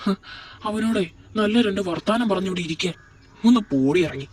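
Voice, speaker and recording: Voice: medium pitch, expressive, moderate pace, a little mellow, far from the mic, natural voice. A performer voicing an angry, suspicious young husband in a home-made doll drama, curt and contemptuous. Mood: accusing. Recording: voice set back from the mic.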